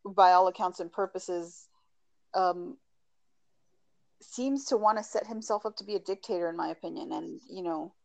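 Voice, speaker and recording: A woman's voice: mid-range voice, a little mellow, no echo. A woman interviewing a guest, speaking frankly with wry, opinionated remarks. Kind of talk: conversational interview.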